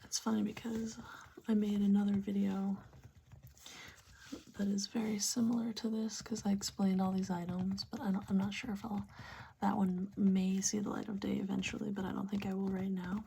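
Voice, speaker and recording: A woman whispering a casual ASMR pep talk in a breathy, gentle, rambling way with pauses. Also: mid-range voice, flat delivery, a little hiss or hum. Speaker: ASMR video host.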